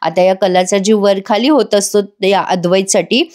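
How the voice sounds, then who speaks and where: A woman's voice: medium pitch, steady tone, normal speed, a little mellow. A woman giving a chatty voice-over recap of a TV serial episode and talking to viewers. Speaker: TV serial reviewer.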